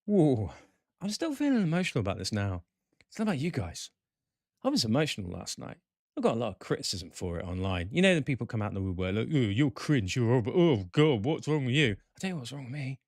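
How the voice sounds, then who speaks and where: A man hosting a chat show, excitable and talkative. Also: mid-range voice, fast, no echo, studio quality. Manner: excitable, chatty, animated. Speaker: podcast host.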